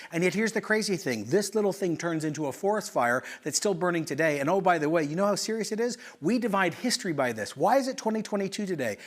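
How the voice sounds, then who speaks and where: A middle-aged male pastor from Canada, preaching in an animated, conversational way with rhetorical questions and quick asides. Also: sits high. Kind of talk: sermon.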